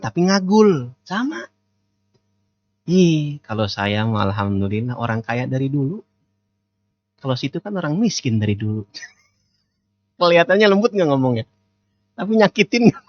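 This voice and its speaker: A man preaches in a relaxed, humorous way, asking the listeners questions. His voice sits in a middle pitch. The mosque recording sounds dull and lo-fi. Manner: lively, joking, asks the audience questions. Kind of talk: casual sermon.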